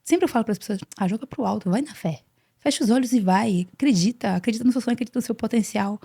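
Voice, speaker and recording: Gravelly Brazilian woman telling her story. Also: on the high side, fast. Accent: Brazilian Portuguese. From Brazil (Salvador, Bahia). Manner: earnest, animated, often repeats words. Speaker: podcast guest. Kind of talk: casual interview storytelling.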